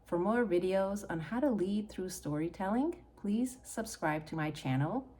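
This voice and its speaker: At medium pitch, the Hungarian channel host sounds mellow with a breathy edge, her intonation lively and her pace measured. The middle-aged woman speaks to camera earnestly and encouragingly about personal matters.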